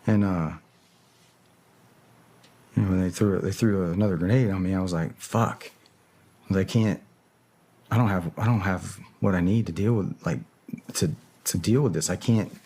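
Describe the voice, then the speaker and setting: Deep-voiced man telling a blunt story. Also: normal speed, pauses often, mellow, husky. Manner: profane, blunt and hesitant. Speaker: podcast guest. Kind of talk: casual storytelling.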